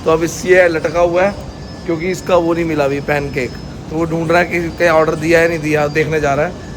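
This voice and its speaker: A man's voice: on the high side, level tone, fairly quick. Chatty man vlogging on a noisy street. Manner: chatty, joking, narrates what he sees. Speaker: family vlogger. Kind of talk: casual vlog chat. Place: outdoors at a busy street of shops. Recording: noisy outdoor street recording. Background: traffic and street noise.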